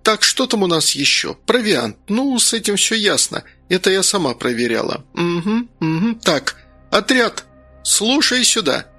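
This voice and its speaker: A man voicing a stern female guard commander who gives brisk orders in an audiobook. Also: high-pitched, very animated, sharp tone, soft background music, voice pushed up, exaggerated voice.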